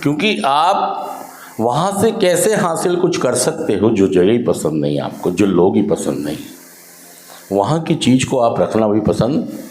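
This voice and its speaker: In a reverberant space at a drug rehab center, a man with a lowish voice talks a little slowly. He's an addiction counselor delivering an animated motivational speech to residents, peppering them with rhetorical questions.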